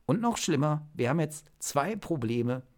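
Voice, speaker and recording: Jumpy young hero, voiced by a male reader; high, hurried, alarmed, for a storybook. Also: big pitch swings, darkish tone. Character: excitable young man, hasty and alarmed.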